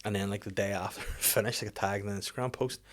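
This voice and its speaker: A Northern Irish man with a lowish voice rattles through stories at high speed. He has the casual, sweary delivery of a stand-up comic chatting on a podcast, animated and happy to mock himself. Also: rapid-fire. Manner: animated storytelling, sweary, self-deprecating. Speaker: stand-up comedian.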